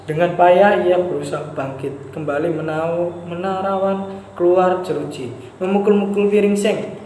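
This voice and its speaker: A man's voice: high-pitched, steady tone, normal speed, darkish tone. A man reading the stage directions of a play aloud, plainly, with small stumbles. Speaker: narrator. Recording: echoey room with faint noise.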